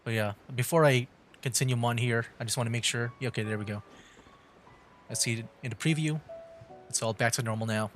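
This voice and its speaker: Faint music plays behind a livestreaming VTuber gamer whose mid-range voice runs a little fast. He chats casually through game commentary, rambling and frequently repeating himself.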